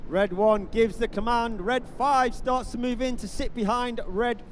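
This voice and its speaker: High-pitched male airshow commentator. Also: fairly even intonation, unhurried. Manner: announcer-like, building up each manoeuvre. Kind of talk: airshow commentary over a public address. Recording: faint noise outdoors at an airshow.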